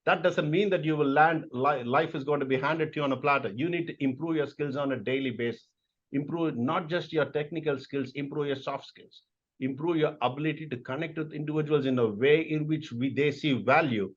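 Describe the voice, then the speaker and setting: A middle-aged man speaks emphatically, driving his points home with repetition. His voice sits a little high. The recording sounds somewhat dull and lo-fi. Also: fairly quick. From India. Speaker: interview guest, corporate executive. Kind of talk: interview answers.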